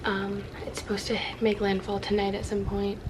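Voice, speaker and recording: A woman's voice: mid-range voice, monotone, normal speed, noisy background. A woman chatting casually to camera in a hesitant, rambling way with lots of filler. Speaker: vlogger.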